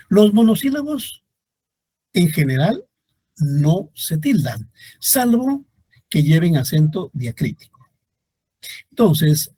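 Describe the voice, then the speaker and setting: A male teacher lecturing a class on grammar, his voice mellow and a little husky. He reads example words one by one at an unhurried pace. The sound is close and dry. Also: on the high side, no room sound. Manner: slow, deliberate reading of example words; addresses students directly.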